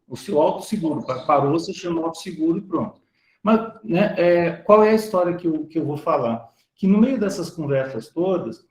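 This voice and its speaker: A man speaking over a video call in a slightly higher-than-usual voice, and the sound carries some room echo. He talks casually as a guest professor and tells stories in which he voices the people he quotes. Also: a little mellow. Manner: storytelling that acts out quoted voices. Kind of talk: conversational talk in an online live session.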